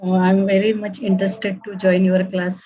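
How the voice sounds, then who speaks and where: A woman with an Indian accent, a college teacher speaking in an online class, halting and searching for words. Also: medium pitch, level tone, dark tone. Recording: dull online call audio.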